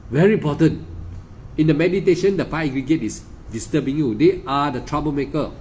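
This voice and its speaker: A man's voice: a little high, brisk, a little mellow, slight background noise. A man with a Malaysian English accent giving an emphatic, repetitive dharma talk as a meditation teacher, often stammering and restarting. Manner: insistent, lecturing.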